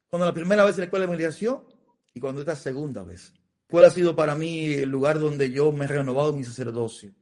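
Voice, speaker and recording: Man, Dominican accent, priest, middle-aged, emotional testimony, fairly high pitch. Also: darkish tone. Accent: Dominican Spanish. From Dominican Republic. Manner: earnest, emotional storytelling with repetitions. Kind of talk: interview testimony.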